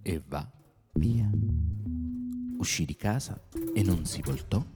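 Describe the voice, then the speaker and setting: A man narrating a folk tale in a lively, theatrical storytelling manner. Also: deep voice, slow. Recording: loud music behind.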